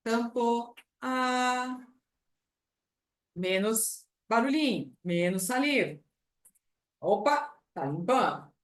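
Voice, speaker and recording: A Brazilian woman teaching speech therapists, lively, acting out how she talks to a patient at the bedside. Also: a little high, extremely slow, pauses often, echoey room. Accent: Brazilian Portuguese. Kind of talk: clinical lesson with acted patient dialogue.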